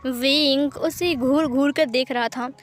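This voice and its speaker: High-voiced woman narrating a story. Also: slow, faint music behind. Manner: conversational, lively retelling. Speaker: fanfiction storyteller.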